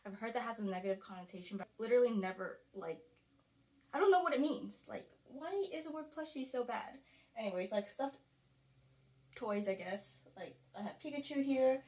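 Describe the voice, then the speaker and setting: A woman's voice: a little high, fairly quick, warm tone. Young woman vlogger, rambly and chatty, slightly breathless, small closet room. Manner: rambling, chatty, frequent "like" fillers. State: sweating, a little out of breath. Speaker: beauty vlogger. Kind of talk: casual talking-to-camera vlog. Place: small closet filming space.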